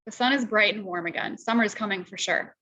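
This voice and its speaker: A woman reads a novel aloud for students and stops now and then to explain a phrase. Her voice is bright and clear, close to the mic in a dry space. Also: mid-range voice, brisk, dry recording, rough recording. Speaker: reader.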